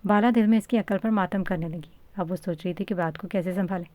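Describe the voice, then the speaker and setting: A woman narrating a storybook in an even, steady reading voice. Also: on the low side, no echo.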